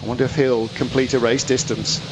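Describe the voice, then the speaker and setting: A man giving live motorsport commentary, calling the race play-by-play with questions and quick self-corrections. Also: mid-range voice, little pitch movement. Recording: loud car and trackside noise behind.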